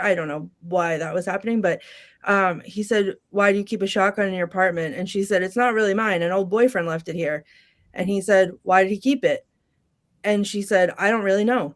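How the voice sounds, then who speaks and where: A woman on a podcast panel reading film quotes in a relaxed, casual way, with many ums and small laughs. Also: medium pitch. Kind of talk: casual chat, reading movie quotes aloud.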